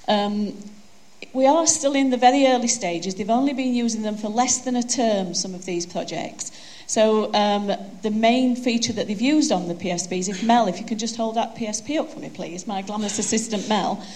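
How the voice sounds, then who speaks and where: A woman with a broad Yorkshire accent, her voice mid-range and slightly mellow at a normal speed, gives a conference presentation into a handheld microphone. She keeps things chatty, joking and self-deprecating.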